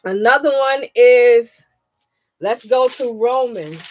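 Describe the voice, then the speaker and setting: A fairly high-voiced woman preaches earnestly into her camera, punctuating her points with amens. Her throat is a little scratchy this morning. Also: takes it slowly, darkish tone. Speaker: pastor. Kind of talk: sermon. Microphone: webcam. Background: music.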